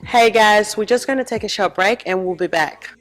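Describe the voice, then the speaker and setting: A chatty, upbeat woman hosts an interview, keeping the conversation moving. Her voice sits at an ordinary middle pitch. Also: a little fast, heavy background noise. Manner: chatty and upbeat, steering the talk. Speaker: interview show host. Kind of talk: casual interview hosting.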